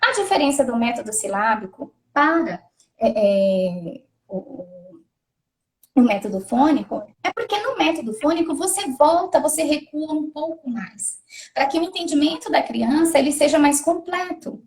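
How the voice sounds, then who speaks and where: A woman's voice: high voice, lively intonation, moderate pace. A woman educator explaining reading methods in a thoughtful conversational way, often restarting and repeating words. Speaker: literacy educator.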